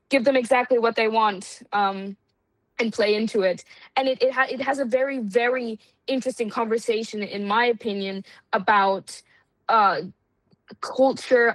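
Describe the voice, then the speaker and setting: A woman guesting on a podcast in casual chat, talking in a relaxed, hesitant way with many pauses to find her words. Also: mid-range voice, no echo, poor audio.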